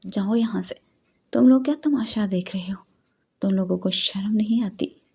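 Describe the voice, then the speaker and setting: A woman reading the part of a proud, defiant young woman who shouts back scornfully. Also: lowish voice, fairly even intonation, unhurried, vocal fry, slightly rough, full character voice.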